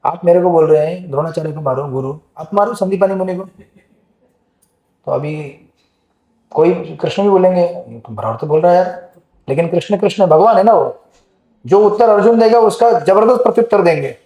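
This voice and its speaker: High voiced guy teaching scripture class, chatty, keeps quizzing people, mellow tone. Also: normal speed, long pauses. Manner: conversational, asks the audience questions. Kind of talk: Gita class lecture. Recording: echoey hall.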